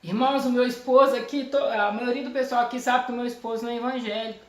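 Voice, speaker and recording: A woman's voice: a little high, steady tone, fast, reverberant. A woman from Brazil giving an earnest, emotional religious testimony at home, repeating her phrases, filmed on a phone camera. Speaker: testifying believer.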